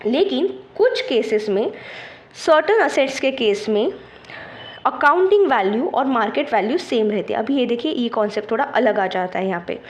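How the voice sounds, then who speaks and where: A woman's voice: on the high side, animated, normal speed. A woman teaching an exam-prep lecture, explaining step by step and checking in with students, mixing English terms into her Hindi. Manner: patient, checks understanding with frequent "theek hai".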